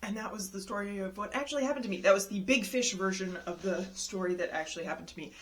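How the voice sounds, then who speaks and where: A woman casually telling a personal story, lively and exasperated, mimicking the people she quotes with big leaps in her voice. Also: fast. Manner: animated, acts out quoted people with jumps in pitch; exasperated retelling of a travel mishap.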